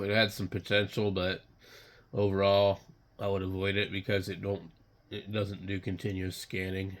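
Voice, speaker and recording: A man who is under the weather, giving casual, unscripted commentary while browsing online, muttering in a halting, blunt way. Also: on the low side, fairly bright tone. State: sick, occasional coughing and throat clearing. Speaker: radio hobbyist vlogger.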